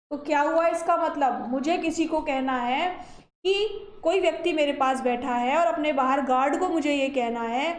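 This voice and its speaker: Woman teacher, high voice, patient step-by-step grammar lecture, frequent check-ins, roomy echo. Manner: explains step by step, often checks in with "है ना" and "ठीक है". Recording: echoey room.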